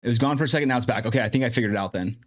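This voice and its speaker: A man's voice: medium pitch, racing. A man hosting a casual live stream, thinking aloud as he troubleshoots his mic and sound setup. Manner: chatty, thinks aloud while fixing audio. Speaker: livestream host. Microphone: streaming mic with in-ear monitoring. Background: faint background music.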